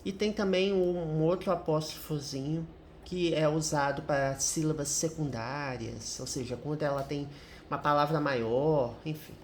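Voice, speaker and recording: A woman's voice: sits low, moderate pace, a little hiss or hum. A middle-aged woman with a Brazilian Portuguese accent teaching English through a commented reading, explaining each point and often ending with a tag question.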